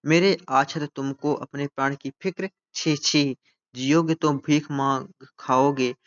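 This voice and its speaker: A man's voice: mid-range voice, fairly bright tone, highs cut off, lightly acted. A man reading as scornful Shamelessness personified. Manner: mocking, scornful.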